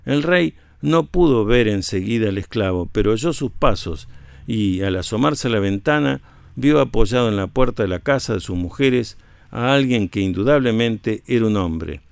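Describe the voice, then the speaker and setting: A man narrating a folk tale for radio in a measured, low storytelling voice. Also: animated, creaky, a little mellow, smooth, no room sound.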